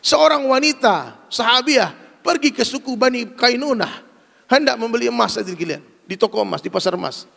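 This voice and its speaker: A man delivers an emphatic, animated sermon in a voice pitched very high for a man, with a gravelly, crackling edge. He calls out to his listeners directly as he drives each point home. His words ring out with a long reverb, as if he stands in a large hall before an audience. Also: fairly quick. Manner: emphatic and animated, addresses listeners as "Pak", acts out dialogues. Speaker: preacher. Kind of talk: sermon to a gathering.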